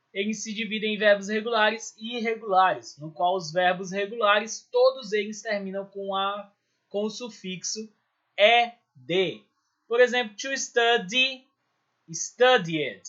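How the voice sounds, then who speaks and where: A Brazilian man with a high, bright voice teaches an English grammar lesson in a slow, unhurried way. He walks through each rule step by step and keeps checking in with his students. The recording sounds a little dull and lo-fi. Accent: Brazilian Portuguese. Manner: explains step by step, checking in with "certo?" and "beleza?".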